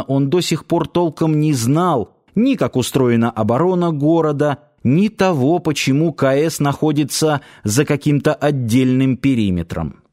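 A man reading an audiobook aloud in a steady, measured way. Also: fairly high pitch. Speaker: narrator.

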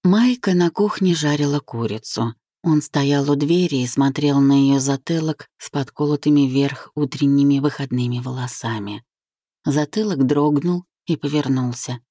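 Woman reading an audiobook, low mellow voice, calm and measured. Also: husky, no echo, clean studio sound. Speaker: audiobook reader. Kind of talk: literary audiobook narration.

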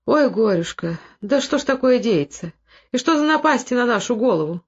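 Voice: medium pitch, lively intonation, a little fast, husky, muffled recording, pitched above the performer's own voice. A reader voicing a fretful peasant housewife who calls out and wails over their troubles. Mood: fretting. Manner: wailing, lamenting.

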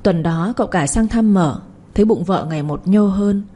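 A woman narrates a serialized family drama in an even storytelling read. Her voice is mellow and dark, with a husky edge. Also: mid-range voice, normal speed.

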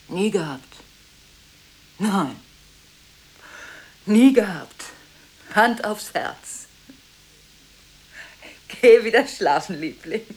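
A woman's voice: on the high side, breathy edge, poor audio. An actress in a 1980s radio play, playing a restless, anxious woman who rambles on the phone late at night. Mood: wavering. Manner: rambling, searching, intimate.

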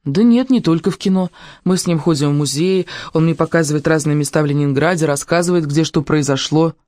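Reading as Natasha, an eager young audiobook character devoted to books and drawing, the narrator uses a medium-pitched, slightly mellow voice that's lightly acted. The pace is brisk, with no room sound.

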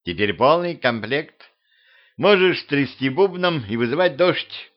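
A man's voice: medium pitch, expressive, a little slow, lo-fi sound, voice pushed up, natural voice. A man voicing a cheeky young vampire girl who teases and purrs. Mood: teasing. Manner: purring, teasing.

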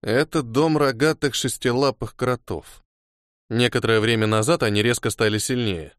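A man voicing a calm, knowing young male hero in an audiobook, matter-of-fact. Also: mid-range voice, normal speed, no echo, studio quality, natural voice.

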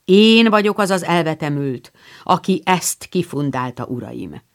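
Egy nő egy kamaszfiút szólaltat meg, aki tréfásan, fennkölten és színpadiasan mutatkozik be egy klubban. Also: female voice, deep voice, animated. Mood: mock-formal. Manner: mock-formal, theatrical bowing speech. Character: teenage boy playing a pompous club servant.

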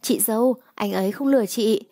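A woman's voice: on the high side, brisk, mellow, dry recording, clean studio sound. A woman voicing a loyal young gang underling who stammers urgently.

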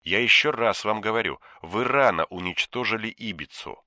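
A man voicing a cold, menacing male official on the phone, speaking quietly and slowly with contempt. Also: fairly low pitch, no echo, studio quality. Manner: quiet, contemptuous, slow and deliberate. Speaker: shadowy superior giving orders.

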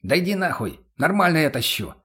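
A man's voice: a little high, sing-song, fairly quick, fairly bright tone, slightly rough, voice pushed up, heavily acted. A man reading an audiobook, voicing a cocky, crude male junkie who sneers and swears. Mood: mouthy. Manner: sneering, foul-mouthed.

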